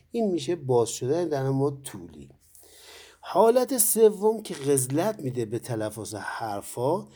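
Teacher guy explaining a lesson, mellow husky voice, lots of pauses and uhs. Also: medium pitch. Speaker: Quran recitation teacher. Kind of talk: recorded lesson to students.

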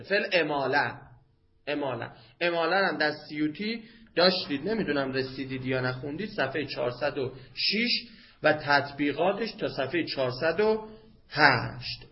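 A man teaching a seminary class on Arabic grammar. He draws quoted Arabic phrases out slowly and chants them, then talks quickly and casually to his students. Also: on the high side, creaky. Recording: dull lo-fi classroom recording with faint noise.

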